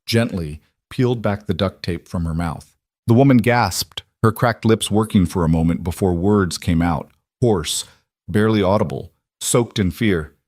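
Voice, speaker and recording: A man narrating a scripted story in an even, measured way. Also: fairly low pitch, no room sound, studio quality.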